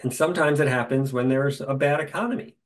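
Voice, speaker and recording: A middle-aged man, a guest in a conversation, telling stories in a lively way with dry humor. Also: mid-range voice, quick pace, rough recording.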